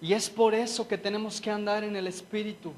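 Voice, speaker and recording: A man preaches a sermon and weaves in his own testimony. His voice sits high, and he speaks earnestly and with open emotion. A faint hiss runs under the recording. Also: fairly even intonation, brisk.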